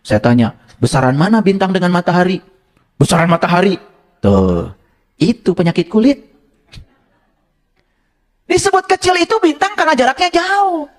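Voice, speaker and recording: A religious teacher gives an interactive lecture, playfully teasing and quizzing his audience and slipping into local phrases. His voice sits high with big swings in pitch, and he talks at a normal speed with frequent pauses.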